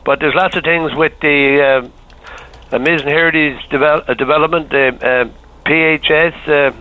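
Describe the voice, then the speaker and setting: Radio caller on a phone line. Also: male voice, on the high side, steady tone, moderate pace. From Newfoundland. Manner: folksy, enthusiastic, repeats phrases. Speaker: radio show caller, town councillor. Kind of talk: casual call-in chat.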